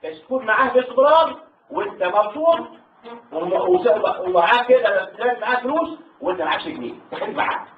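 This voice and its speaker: An older Egyptian man with an Egyptian Arabic accent, a war veteran telling his story to a salon audience in an animated, halting way. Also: a little hiss or hum. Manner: animated, rising into high pitch when moved, halting restarts. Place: hall at a literary salon. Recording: tinny distant hall recording with echo.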